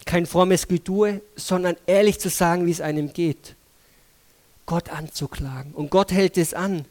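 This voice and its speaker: A man preaching a sermon, swinging between urgent, loud phrases and hushed, intimate ones. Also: sits high, fairly even intonation, unhurried.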